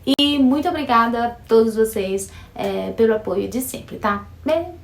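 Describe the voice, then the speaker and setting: A woman's voice: a little high, creaky, reverberant. Chatty Brazilian woman teaching French. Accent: Brazilian Portuguese. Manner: chatty, repeats words slowly to model pronunciation. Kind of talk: casual video lesson.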